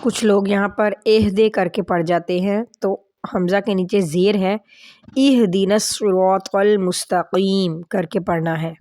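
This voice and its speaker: A woman teaching prayer pronunciation, reciting slowly and drawing out each word, then explaining quickly in a plain voice. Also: mid-range voice, fairly even intonation, warm tone, no echo. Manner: slow drawn-out recitation, brisk explaining. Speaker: Quran teacher. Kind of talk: pronunciation lesson.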